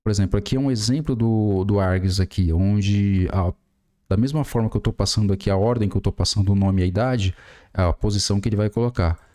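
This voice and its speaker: A Brazilian man in his forties, a programming tutor with a Brazilian Portuguese accent, walks through a screen-recorded coding tutorial step by step as he types. His voice sits on the low side, brisk and warm, and he uses many fillers.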